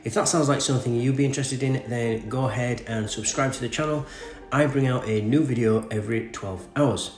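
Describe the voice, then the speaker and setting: An English man presents news commentary in a mid-range voice, groggy from a cold and sore throat. He moves between reading aloud and commenting informally. The room is clearly echoey, with music behind him. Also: medium pitch, fairly quick. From England. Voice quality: slightly groggy, congested from a cold. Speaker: podcast host and crypto news commentator.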